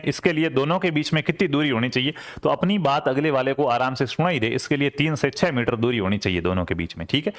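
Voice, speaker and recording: A man, teaching an exam-prep lecture conversationally and repeating key terms with rhetorical check-ins. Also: fairly high pitch. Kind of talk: classroom lecture.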